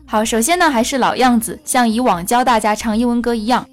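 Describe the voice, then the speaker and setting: 女老师讲解英文发音，语调偏高. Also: female voice, on the high side, faint music behind. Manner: patient, demonstrates phrases slowly and repeats them. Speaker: English teacher. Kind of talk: English pronunciation lesson.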